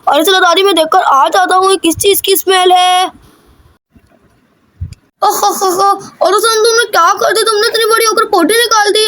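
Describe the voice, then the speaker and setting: A woman's voice: very high-pitched, steady tone, normal speed, a bit bright. A woman voicing a cheeky cartoon boy. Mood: teasing. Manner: teasing, chatty. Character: cheeky young village boy.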